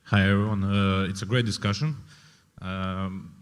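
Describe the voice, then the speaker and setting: A man's voice: deep voice, steady tone, clean tone. A man from Croatia, asking a hesitant question from the audience at a conference. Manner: hesitant, halting phrasing. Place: large conference hall. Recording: long hall reverb.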